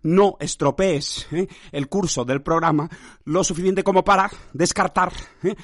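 Theatrical Spaniard with a dry, close sound. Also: male voice, high voice, moderate pace, a bit bright, no room sound. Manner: theatrical and emphatic, tags phrases with "¿eh?"; addresses himself by name like a stern director. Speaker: host. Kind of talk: absurdist improvised monologue.

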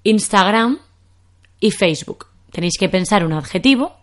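A woman's voice: medium pitch, animated, normal speed. A young woman from Spain with a Castilian accent, teaching Spanish in a podcast lesson and explaining patiently with examples.

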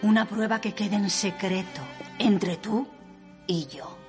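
A woman's voice: mid-range voice, steady tone, takes it slowly, over music, lightly acted. A woman voicing a haughty, manipulative young cartoon princess in a formal, coaxing, theatrical manner. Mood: coolly demanding. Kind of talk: cartoon film acting.

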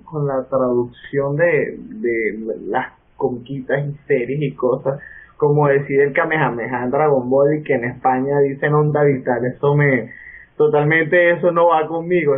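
A man chatting casually on a podcast, giving his relaxed, opinionated take. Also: a little high. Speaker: podcast co-host. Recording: tinny online call audio.

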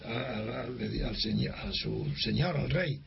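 Speaking a little slowly with a creaky, medium-pitched voice, an older Spaniard narrates a personal memory in an interview. He's a lively teller who plays out the dialogue and often begins again. The audio is dull and lo-fi, with faint hiss.

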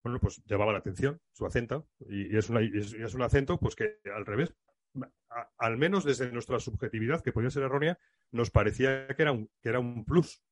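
A man hosting a podcast, asking questions in a measured, reflective way and backing up his guest with frequent murmurs of agreement. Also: medium pitch. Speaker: podcast host. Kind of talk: casual podcast conversation.

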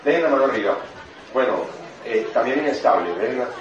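A man's voice: medium pitch, a little fast, background noise. A man giving a motivational seminar talk, telling stories and addressing the audience. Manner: storytelling, animated, addresses audience. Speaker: motivational speaker. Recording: echoey hall, distant dull mic.

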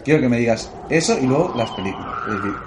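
A man talks about films crudely, laughing often and handing out mock scores. His voice sits at a middle pitch. The recording is roomy and echoey, with clear background noise. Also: lively intonation, rapid-fire. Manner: crude, laughs a lot, gives mock ratings. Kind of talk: casual comedic film review chat.

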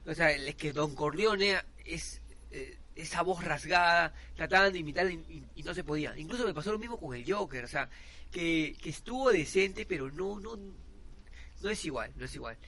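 A man co-hosting a casual podcast debate, opinionated and chatty, often pausing on "eh". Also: fairly high pitch, expressive, sharp tone. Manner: chatty, opinionated, frequent "eh" fillers. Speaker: podcast co-host.

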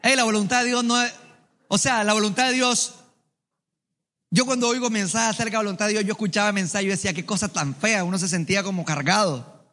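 A man preaching a sermon to a congregation, lively and colloquial, with joking asides, calling on the listeners to answer back. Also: high-pitched, fast. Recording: long hall reverb.

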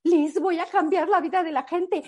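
Woman putting on a high, sobbing, elated young woman. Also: normal speed. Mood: tearful excited. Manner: sobbing and gushing with excitement. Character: tearful, overjoyed young woman, the speaker's sister.

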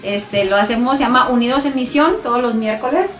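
A woman's voice: fairly high pitch, brisk. Chatty Mexican woman on a radio show. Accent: northern Mexican. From Chihuahua, Mexico. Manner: warm, chatty, laughing, many fillers. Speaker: guest singer and missionary. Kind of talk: radio interview. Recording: roomy studio with faint music.

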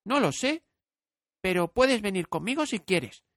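A man doing a soft, curious little girl. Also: high voice, big pitch swings, measured pace, no room sound, clean studio sound, pitched above the performer's own voice, exaggerated voice. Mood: wondering. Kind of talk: audiobook character voice.

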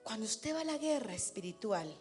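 A woman preaching to her congregation in an animated way, breaking into war cries and sounding out drum beats. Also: fairly high pitch, fairly quick, soft background music. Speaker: preacher teaching tambourine and worship dance. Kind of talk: lively sermon to a congregation.

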